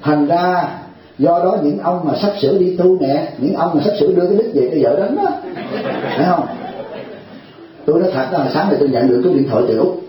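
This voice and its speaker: A man's voice: a little high, expressive, fairly quick, pauses often, warm tone, a faint crowd. A man, a Buddhist teacher, giving a humorous, chatty sermon at a retreat and constantly asking his listeners "right?". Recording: heavy hall echo.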